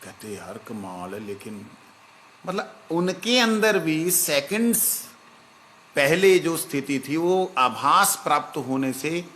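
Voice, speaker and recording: A man giving a slow, reflective devotional talk as a spiritual teacher, now and then breaking into chanted verses. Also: on the high side, expressive, pushed and bright, a little hiss or hum. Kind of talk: devotional discourse.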